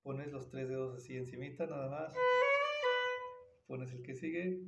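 A man's voice: medium pitch, measured pace, creaky, highs cut off, over loud music. A man teaching violin in a casual tutorial, explaining patiently between played passages. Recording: roomy, mic at a distance, violin behind. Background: violin playing.

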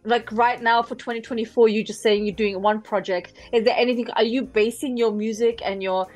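A woman in her thirties co-hosting a video-call interview, upbeat and encouraging, with quick interjections. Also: fairly high pitch, fairly even intonation. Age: 30s. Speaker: co-host.

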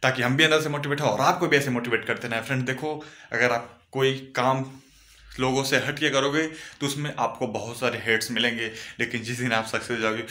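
Bright-voiced man giving earnest vlog advice. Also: mid-range voice, little pitch movement, a little fast, reverberant. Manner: earnest, advising, addresses viewers as friends. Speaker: vlogger. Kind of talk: casual motivational vlog talk.

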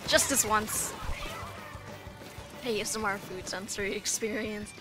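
A woman's voice: medium pitch, fairly even intonation, a little slow. Chatty young woman streamer, music behind. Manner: loose, chatty, swears freely, talks to chat. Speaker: VTuber streamer. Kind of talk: casual livestream chat while eating and gaming. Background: game music.

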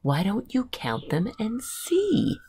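A woman's voice: on the high side, wildly swooping pitch, slow pace, warm tone, slight background noise, pitched above the performer's own voice, exaggerated voice. A woman voicing a sly, hungry female coyote in a read-aloud picture book, with a scoffing, boastful manner. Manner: teasing, boastful.

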